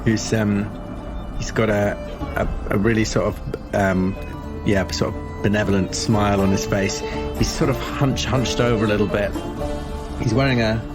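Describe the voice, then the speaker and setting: A man playing a tabletop role-playing game, describing a character casually and hesitantly, with many pauses. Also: fairly low pitch, steady tone. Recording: music bed under the talk. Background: music.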